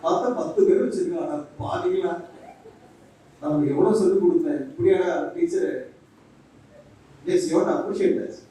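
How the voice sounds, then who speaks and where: A man's voice: high voice, expressive, normal speed, long pauses, warm tone. A man, a monk giving a humorous lecture to teachers, joking and acting out little dialogues. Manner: jokes and acts out little dialogues, switching between English and Tamil. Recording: echoey hall from far off.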